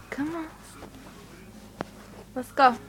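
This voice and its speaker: A woman's voice: sits high, fairly bright tone, a little hiss or hum. A woman making a casual home video, coaxing her pet along in baby talk and swearing now and then. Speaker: pet owner.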